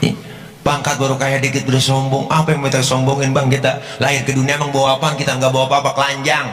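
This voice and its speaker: A man giving a comic sermon in a lively, joking, slangy way, often slipping into a sing-song delivery. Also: mid-range voice, quick pace. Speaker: preacher. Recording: echoey hall, faint music.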